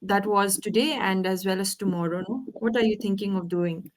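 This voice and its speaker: Over a video call, a woman tutors a learner one-on-one in English, patiently correcting pronunciation and having them repeat words. Her pitch is medium, her intonation fairly even, and her pace moderate.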